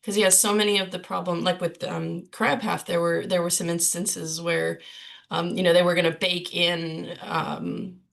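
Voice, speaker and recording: Female session chair, voice going hoarse, low and gravelly, friendly and enthusiastic. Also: little pitch movement, moderate pace, a bit bright. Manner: friendly, enthusiastic, hesitant restarts. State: losing her voice. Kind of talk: conference Q&A chat.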